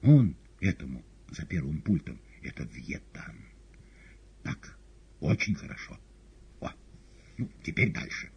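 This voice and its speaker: A man voicing a fawning, sly male demon retainer who whispers hurried, insistent prompts in an audiobook. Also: extremely low pitch, big pitch swings, gravelly, a little mellow, a little hiss or hum, full character voice. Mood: urgent whisper.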